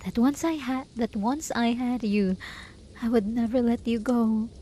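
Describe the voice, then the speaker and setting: An actress plays a possessive hermit enchantress in a scripted, dramatic ASMR roleplay monologue, desperate and lovesick. Her female voice sits on the high side, near everyday speech, mellow and intimate, soft and slow, often slipping into whispers. Faint noise sits behind her.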